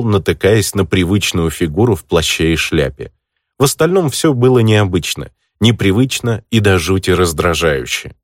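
A man reads a fantasy novel aloud as a scripted audiobook narration. His voice sits low and deep, and his delivery stays measured and even. The recording is dry, with no room sound around him. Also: no room sound.

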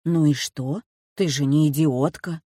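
A woman voicing an elderly grandmother, slow-spoken and sighing, in a storybook reading. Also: low-pitched, fairly even intonation, dark tone, slightly rough, no room sound, clean studio sound, pitched below the performer's own voice. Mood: fussing. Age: over 60. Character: grandmother, gentle old teacher, fussing.

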